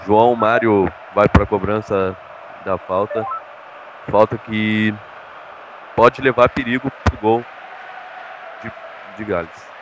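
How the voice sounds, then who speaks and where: A man's voice: lowish voice, fairly even intonation, slow, long pauses. A Brazilian man giving conversational football match analysis, often tagging his phrases with a short question. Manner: frequent tag questions. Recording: dull lo-fi audio, clear background noise.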